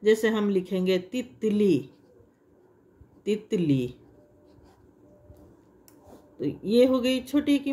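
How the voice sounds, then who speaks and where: A woman gives a lesson to children at a measured, unhurried pace. She explains patiently, repeating each example. When she demonstrates long sounds, she draws the vowels out. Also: mid-range voice, a little mellow. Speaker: Hindi teacher.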